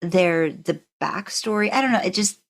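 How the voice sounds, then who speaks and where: On a podcast she co-hosts, a narrator by profession offers her take in an easygoing fan chat, softening points with asides. Her voice is on the low side with vocal fry, at a normal speed.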